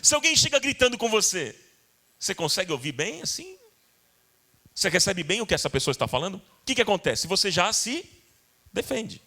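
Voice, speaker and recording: A Brazilian pastor delivering a sermon, a man with a Brazilian Portuguese accent. His voice sits high and bright, and his pitch swings widely as he repeats key points and turns to address the congregation. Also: big pitch swings, brisk, gravelly. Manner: earnest, repetitive, addresses congregation directly. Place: church.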